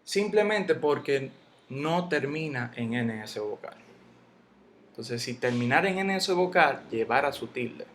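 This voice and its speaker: Slow, deliberate male spelling teacher. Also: medium pitch, lively intonation, fairly bright tone, slight background noise. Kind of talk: spelling and grammar lesson.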